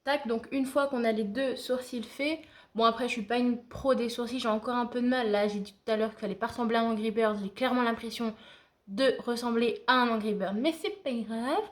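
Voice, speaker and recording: Woman, beauty vlogger, casual and friendly, hesitant fillers, somewhat high voice. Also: brisk. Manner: chatty, talks to viewers like friends. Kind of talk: casual makeup tutorial.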